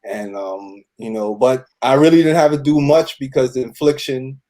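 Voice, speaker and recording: This man has a warm, mid-range voice and speaks at a moderate pace. He's an audio producer and cast member being interviewed as a guest in a relaxed group setting, talking loosely with slang and frequently saying "you know."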